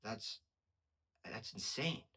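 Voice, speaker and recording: A young podcast host who stutters shares a casual personal testimony, repeating words and stopping mid-sentence. His voice comes across as pushed and bright.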